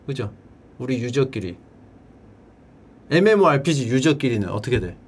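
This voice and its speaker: A man streaming and chatting casually, drilling words by repetition in a playful way and breaking into shouted cheers. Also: big pitch swings, moderate pace, breathy edge. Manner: playful, drills words by repeating them in a high echo. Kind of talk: casual livestream chat.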